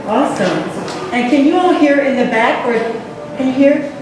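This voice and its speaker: A woman with a slightly high voice leads a community panel discussion. She talks in a brisk, upbeat way. Her voice echoes around a large hall with a faint hum behind it. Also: animated. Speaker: panel moderator. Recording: echoey hall, room mic.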